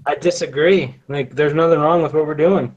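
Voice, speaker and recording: A man's voice: a little high, fairly even intonation, normal speed, dull audio. A man in a student study group, asking laid-back questions in casual chat.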